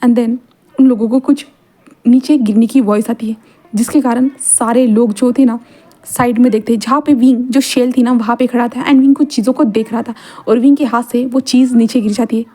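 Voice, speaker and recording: A woman's voice: on the high side, fairly even intonation, normal speed, mellow. A woman narrating a fan story in a casual, rambling way with many fillers.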